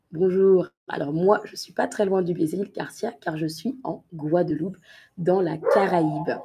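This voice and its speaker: A woman teaching a live online vocabulary lesson, slowly repeating each word and example for learners and greeting viewers by name. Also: fairly low pitch, very noisy. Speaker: French teacher.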